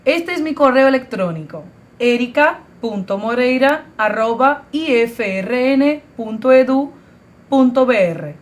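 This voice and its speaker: A Brazilian woman, a language teacher, gives a slow, careful video lesson, spelling out letters and example words one at a time. Her voice is high-pitched and unhurried, with lively intonation.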